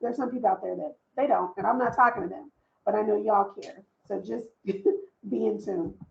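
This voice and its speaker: A woman's voice: medium pitch, fairly even intonation, normal speed, gravelly, echoey room, dull audio. A woman speaking on a panel about workplace belonging, telling stories in an earnest, emphatic way and repeating her points, over a video call. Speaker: panelist, diversity and inclusion leader. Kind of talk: conversational panel discussion.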